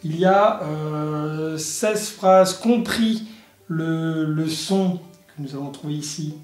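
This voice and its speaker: A man presents a product in a casual, halting, explanatory way, as in a hands-on toy review. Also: a little high, darkish tone. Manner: halting, explanatory, punctuated with little sound effects. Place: indoor room. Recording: echoey room, faint music behind.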